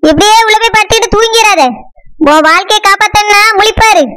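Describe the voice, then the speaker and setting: A voice actor doing Saroja, a squeaky scheming village wife. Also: sharp tone. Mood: urging. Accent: Tirunelveli Tamil. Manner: fretful, pleading, fast scheming. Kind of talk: cartoon voice acting.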